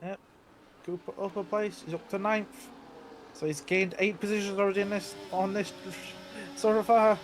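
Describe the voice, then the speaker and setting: High-voiced male co-commentator, noisy buzzing mic. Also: fairly even intonation, moderate pace. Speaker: esports racing co-commentator. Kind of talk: live co-commentary, conversational analysis. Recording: noisy mic with droning buzz.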